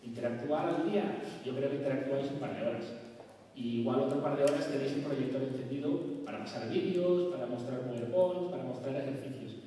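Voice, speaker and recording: A man with a Spain Spanish accent gives a lively talk from a stage, throwing questions out to the audience. His mellow voice carries from far off through a big hall with a long, echoing reverb and faint room noise. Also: mid-range voice, fairly quick. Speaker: conference speaker. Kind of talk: conference presentation. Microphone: far camera, room mic.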